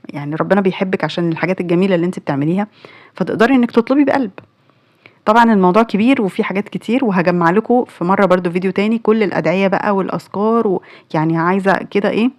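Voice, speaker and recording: A woman with an Egyptian accent hosting a casual religious advice talk, earnestly addressing young women with rhetorical questions. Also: medium pitch. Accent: Egyptian Arabic. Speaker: channel host.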